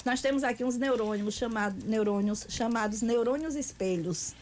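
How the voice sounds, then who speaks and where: A woman's voice: a little high, moderate pace, a little mellow, a little hiss or hum. A woman author, explaining communication in a didactic way during a studio interview. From Feira de Santana, Brazil. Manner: didactic, explains with figures and examples.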